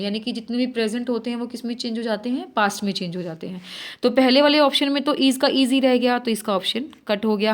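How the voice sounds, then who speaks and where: A woman teaching an exam-prep lesson, asking and answering her own questions as she walks through each answer and reading English sentences out slowly. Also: a little high.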